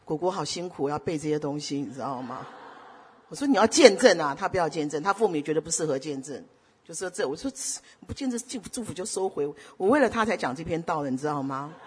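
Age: middle-aged. Sex: woman. Style: sermon. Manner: emphatic preacher, husky tone. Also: low-pitched, fast. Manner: emphatic, rhetorical questions to the congregation; swings between loud exhortation and soft storytelling.

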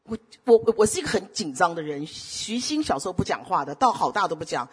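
A middle-aged woman preaching a sermon. She keeps asking the congregation rhetorical questions and swings between loud exhortation and soft storytelling. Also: on the low side, big pitch swings, fairly quick, breathy edge.

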